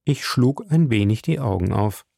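A man giving scripted audiobook narration in a measured, dramatic first-person manner. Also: lowish voice, animated, vocal fry, dark tone, dry recording, studio quality.

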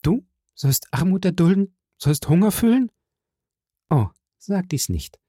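A man's voice: high voice, big pitch swings, a little slow, mellow, breathy edge, no room sound, studio quality, voice pushed up, full character voice. A man voicing a grieving noble mother. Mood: sorrowful. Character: anxious, grieving noble mother, older woman.

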